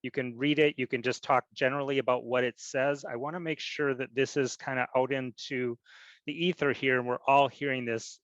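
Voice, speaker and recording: A man's voice: mid-range voice, a bit bright, dry recording. Man on a dull, dry call line. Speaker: workshop co-facilitator. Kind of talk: facilitating a video call. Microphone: video call.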